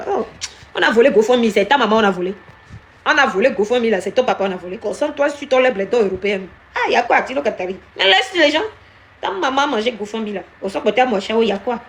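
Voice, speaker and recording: Lively woman scolding chatters. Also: fairly high pitch, a little hiss or hum. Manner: animated, scolding viewers by name, mixing French with Ewe. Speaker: live-stream commentator. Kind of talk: casual live commentary.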